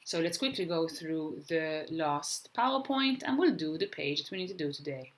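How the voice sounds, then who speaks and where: A woman with a Maltese accent, a primary school teacher recording a video lesson, speaking slowly and clearly and sounding out letters for young children. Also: sits low, animated, background noise.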